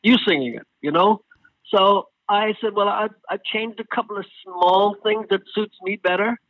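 A man being interviewed as a guest singer, telling stories in a casual, animated way and acting out what others said. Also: high voice, moderate pace, no echo. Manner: animated storyteller, acts out quoted exchanges. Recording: tinny phone line.

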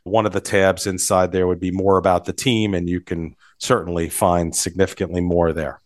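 A man speaking as a financial advisor guest in a conversational interview, explaining things in a measured way. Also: low-pitched, flat delivery, dry recording, clean studio sound.

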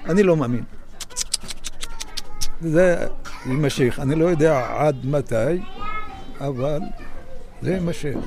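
An older man answering interview questions in a slow, plain-spoken way, often repeating himself. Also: a little high. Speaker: interviewee, the storyteller's father. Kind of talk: casual interview talk.

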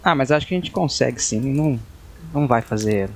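A man co-hosting a casual podcast, relaxed and a bit hesitant. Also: medium pitch, fairly quick. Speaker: podcast co-host.

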